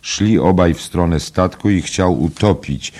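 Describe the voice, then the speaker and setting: A man voicing an eager, talkative gentleman who hurries to tell a story, in an audiobook reading. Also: sits low, a little slow, pitched above the performer's own voice.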